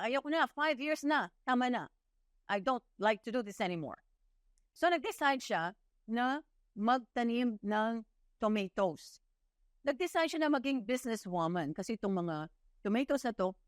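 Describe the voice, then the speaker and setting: A woman preacher with a Filipino accent giving a sermon, telling stories with lively delivery and asking her listeners questions. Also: a little high, dry recording, clean studio sound. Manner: lively storytelling, mixing English into Filipino, quizzing the audience.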